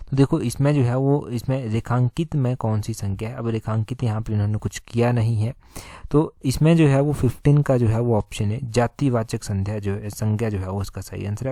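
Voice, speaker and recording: A man, teaching by working through an exam paper, reading each question slowly and repeating the answers. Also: mid-range voice, dark tone, dry recording, clean studio sound. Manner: explanatory, repeats answers, slows to read questions aloud. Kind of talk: solving an exam paper aloud.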